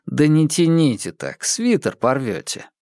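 A man playing a calm, ironic young male detective with a dry, teasing, unhurried manner in an audiobook. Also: on the high side, no echo, pitched above the performer's own voice. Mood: wry.

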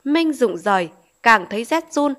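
A woman reading a novel aloud as an audiobook narrator, in steady storytelling. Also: fairly high pitch, moderate pace.

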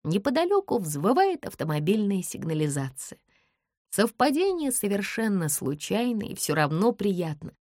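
A woman narrating a first-person audiobook in an expressive storytelling way. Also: mid-range voice, moderate pace, dry recording, studio quality.

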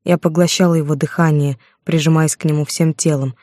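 A woman narrating a first-person romance novel in a steady storytelling voice, on a close microphone. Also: low-pitched, brisk, dry recording. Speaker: audiobook narrator.

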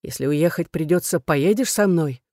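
A reader voicing a frightened, shaken young man who speaks quietly. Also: on the high side, normal speed, no echo, studio quality, lightly acted.

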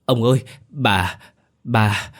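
A man's voice: low voice, fairly even intonation, fairly quick, a bit bright. A man voicing a frightened young female servant girl in a spoken horror story, crying out and stammering in panic.

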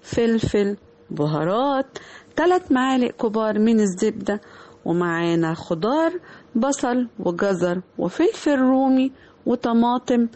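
A woman's voice: on the high side, lively intonation, unhurried, darkish tone. Egyptian woman reading a radio recipe. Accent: Egyptian Arabic. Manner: friendly, modest, step-by-step. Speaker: radio cooking segment host. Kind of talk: recipe instructions.

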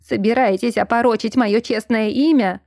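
A woman reading the part of a haughty, sharp-tongued rich old widow who gives curt, scornful retorts. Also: a little high, fairly even intonation, normal speed, no echo, clean studio sound.

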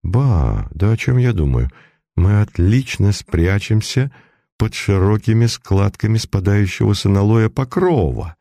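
A man doing a shrewd brisk detective. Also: on the low side, animated, dark tone, no echo, clean studio sound. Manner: brisk, grumbling, decisive. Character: shrewd brisk male detective, middle-aged.

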